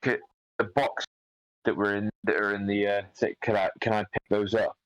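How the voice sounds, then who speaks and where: Low-voiced man, stumbling player. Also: flat delivery, moderate pace, clear, resonant tone, no echo, highs cut off. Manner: hesitant, stumbling over words. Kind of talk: tabletop game table talk.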